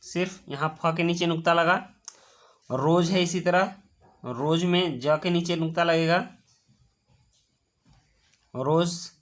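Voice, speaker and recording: A man teaching a children's worksheet lesson, explaining patiently step by step and repeating words slowly. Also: on the high side, fairly bright tone.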